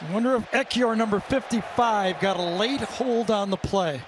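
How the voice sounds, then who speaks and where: A man's voice: high voice, moderate pace, background noise. A man giving live football analysis as a colour commentator, explaining in a conversational way.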